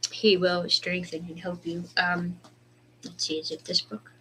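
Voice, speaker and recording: A woman hosting a casual spiritual livestream, rambling between prayer requests and reading Bible verses slowly and deliberately. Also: fairly low pitch, little pitch movement, bright, forceful tone, slight background noise. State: hiccups, dry throat.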